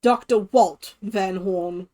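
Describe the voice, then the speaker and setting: A woman's voice: mid-range voice, slow, mellow, natural voice. A woman voicing a pompous, scheming villain mastermind in a boy's body, reading game dialogue as a theatrical, condescending monologue. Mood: scornful. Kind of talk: dramatic read-aloud of game dialogue.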